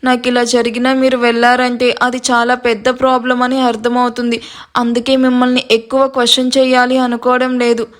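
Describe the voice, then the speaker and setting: A woman voices a gentle young wife in an audio story, weak from surgery and longing for her husband. Her voice is high, soft and pleading. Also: monotone, a little fast, close to an everyday voice. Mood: tender. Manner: tender, pleading. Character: young wife, tender, tearful, recovering from surgery.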